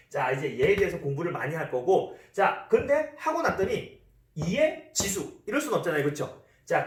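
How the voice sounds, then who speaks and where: A man teaching a math lesson in a classroom, repeating key terms and asking the class questions. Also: high-pitched. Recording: roomy echo, voice from a distance.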